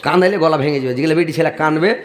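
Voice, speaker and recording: A male preacher giving a humorous sermon at a large outdoor gathering, teasing the audience and asking for donations over a loudspeaker. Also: a little high, rapid-fire. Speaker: Islamic preacher. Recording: echoey public-address sound at a crowded gathering.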